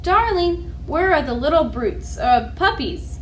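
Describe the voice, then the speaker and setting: A woman's voice: sits high, animated, unhurried, fairly bright tone, echoey room, slight background noise, voice pushed up. A woman voicing a haughty, demanding female villain with an imperious drawl in a children's storybook.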